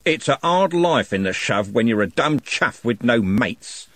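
A hard gang leader hisses his threats in a low, husky voice, as a man puts him on. The delivery is dry and close. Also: animated, a little slow, fairly bright tone, no echo. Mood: menacing. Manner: threatening, hissing.

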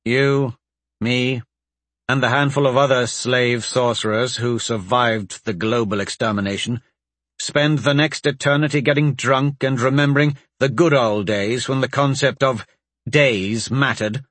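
A man's voice: medium pitch, steady tone, unhurried, a bit bright, dry recording. A man voicing a young male sorcerer, defiant and sardonic, talking in a questioning, wry way.

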